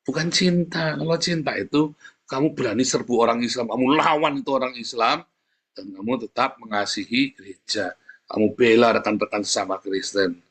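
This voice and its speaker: A man preaching a sermon in a blunt, colloquial way, swinging between loud emphatic lines and soft asides to the congregation. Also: mid-range voice, moderate pace, husky. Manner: animated, swings loud and soft, addresses listeners as brothers and sisters.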